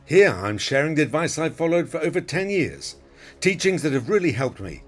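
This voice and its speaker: A man's voice: fairly high pitch, sing-song, moderate pace, soft background music. A man narrating in a scripted, explanatory voice-over with an instructive manner. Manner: instructive, quizzing the viewer. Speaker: flight video narrator.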